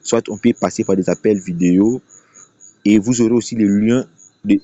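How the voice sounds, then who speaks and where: On a dry, dull, lo-fi recording, a man with a lowish, mellow voice keeps a steady tone at normal speed. He presents an unscripted screen-share tutorial for YouTube promoting a trading platform, explaining emphatically and often repeating himself.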